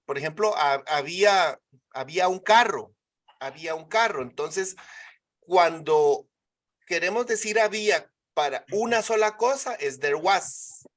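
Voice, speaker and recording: A teacher walks students through grammar, speaking with English examples. The voice sits at a medium pitch, and the delivery is patient, repetitive and full of comprehension checks. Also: expressive, measured pace. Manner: patient, repeats and checks understanding. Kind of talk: live online English class.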